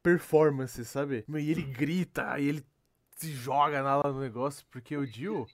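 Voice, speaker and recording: A young man with a Brazilian Portuguese accent hosts a casual group chat at a middling pitch. He talks in a relaxed, slangy way. The recording is dry and close. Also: unhurried, dry recording. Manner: laid-back, slangy, laughs often. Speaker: podcast host.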